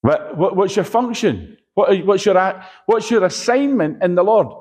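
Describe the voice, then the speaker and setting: A man's voice: high voice, animated, normal speed, a little mellow, slightly rough. A man preaching a sermon, emphatic and repetitive, often asking his listeners for an amen. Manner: emphatic, repetitive, calls for amens.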